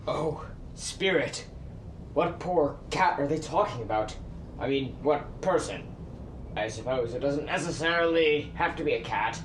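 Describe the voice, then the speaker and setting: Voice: medium pitch, lively intonation, measured pace, lightly acted. An actor playing a melodramatic, miserly male cat Scrooge in a holiday radio play, pleading and exclaiming. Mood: uneasy. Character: theatrical miserly male cat Scrooge, fearful then joyfully repentant. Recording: roomy, distant mic, faint noise.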